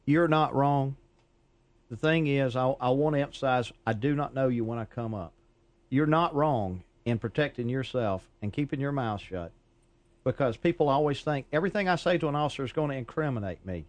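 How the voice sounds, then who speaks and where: Police officer guest, dry studio voice. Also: male voice, medium pitch, expressive, a little fast, no room sound. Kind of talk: radio talk show interview.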